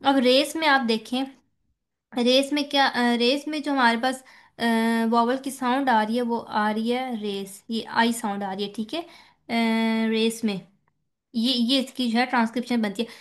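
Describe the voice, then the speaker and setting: A woman's voice: on the high side, steady tone, measured pace. A woman teacher explaining slides in a lecture, dropping English terms into her talk and posing questions that she answers herself. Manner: repeats "theek hai" as a check-in.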